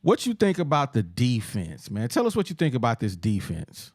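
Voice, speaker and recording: A man's voice: medium pitch, wildly swooping pitch, normal speed, no room sound, clean studio sound. A man hosting a casual sports podcast, speaking informally and addressing people in a familiar, buddy-like way. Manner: informal, peppers talk with "man". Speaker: podcast host.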